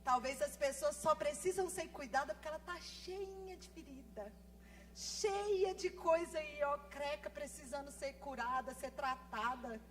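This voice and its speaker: A woman in her thirties, a pastor, preaching a sermon fast and with lively swings between soft asides and loud emphasis. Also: high voice, slight background noise. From Brazil. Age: 30s. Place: church.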